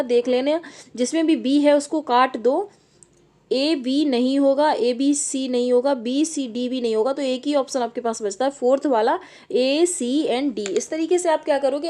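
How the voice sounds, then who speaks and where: A woman teaching an online exam-prep lesson. She reads English questions out slowly, explains them to the students and keeps checking in with "okay". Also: sits high, darkish tone. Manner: addresses the students directly, often checking with "okay".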